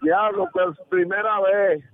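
A man phones in to a talk show, chatty and quick to laugh. His fairly high voice comes through a thin, tinny phone line with no room sound. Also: no room sound. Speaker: phone-in caller. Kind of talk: casual phone call.

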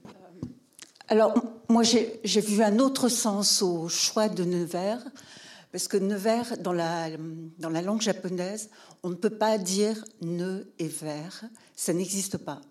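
A woman's voice: mid-range voice, slow pace, a little mellow. Hesitant woman speaking from the audience. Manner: hesitant, many fillers, says she is shy. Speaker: audience member. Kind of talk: question-and-answer remark at a public talk.

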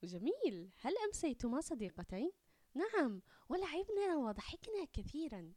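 A shy little schoolgirl in a storybook, speaking softly in a raised, youthful voice, as a woman puts her on. The tone is mellow and the recording is dry and close. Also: high voice, sing-song, moderate pace, no echo, voice pushed up. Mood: cheerful. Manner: soft-spoken, childlike. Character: shy dark-skinned schoolgirl.

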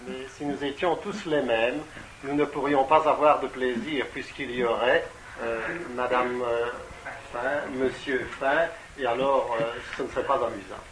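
A man interprets a spiritual talk consecutively into French, hesitating, repeating words and pausing often on fillers. His voice is medium in pitch and steady in tone, and he speaks a little slowly. The rough recording picks up a crowd behind him.

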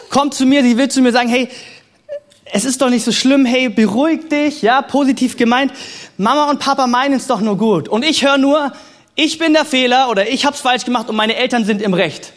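Pastor guy preaching, really high voice, chatty storytelling, keeps going "ja? okay?". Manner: lively, conversational, keeps asking "ja?" and "okay?". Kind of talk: sermon with personal storytelling.

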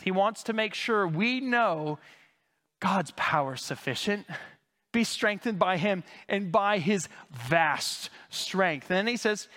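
Preaching an expository sermon in a church sanctuary, a male pastor explains Greek words conversationally while coughing repeatedly as he recovers from losing his voice. His high voice sounds pushed and bright, and the recording has a long hall reverb.

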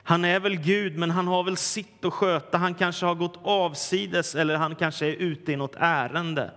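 A man's voice: a little high, a bit bright, pitched above the performer's own voice, lightly acted. A man voicing a bold male prophet who challenges a crowd, speaking in a raised, commanding voice, with long hall reverb. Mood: mocking.

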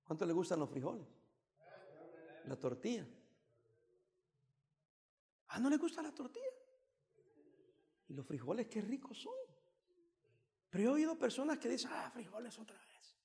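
A man's voice: sits high, sing-song, normal speed, pauses often, mellow. Man, pastor, from El Salvador, teasing playful sermon, long hall reverb. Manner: playful, teasing preaching with bursts of emphasis. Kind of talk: joking sermon.

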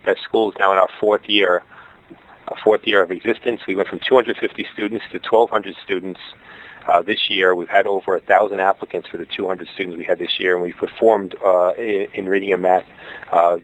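Speaking briskly in a low voice with little pitch movement, a middle-aged charter school founder with a Brooklyn accent, from Brooklyn, New York, answers interview questions as a guest. His replies ramble, restarting often and heavy with fillers, and the recording has its highs cut off.

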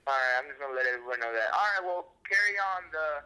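A man's voice: fairly high pitch, lively intonation, fast talker, sharp tone, clear, resonant tone, rough recording. A man calling in on a speakerphone, casual and teasing. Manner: teasing, joking. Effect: heard over a phone on speakerphone. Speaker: caller. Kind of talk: casual chat.

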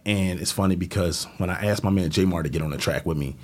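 A man guesting as a hip hop artist, telling stories in a laid-back, low-dropping way. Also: quick pace, darkish tone. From United States. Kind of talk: casual interview chat.

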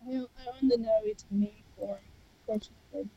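A woman in casual chat whose voice breaks up over a phone call, speaking hesitantly and softly. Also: medium pitch, fairly even intonation, quick pace, gravelly, breathy edge. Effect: breaking-up phone connection. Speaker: podcast guest. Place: at home in Russia. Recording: dull, breaking-up phone line from off-mic.

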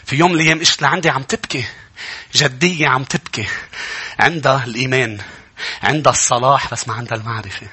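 A male pastor with a Lebanese Arabic accent preaching a sermon, building from conversational teaching to impassioned shouting. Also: medium pitch, fast, pauses often, breathy edge.

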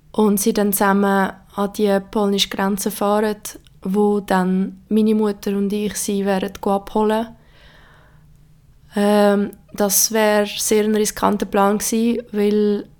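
A young woman with a Swiss German accent, hoarse, giving a serious personal account in a halting way with many pauses. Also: mid-range voice, a little mellow.

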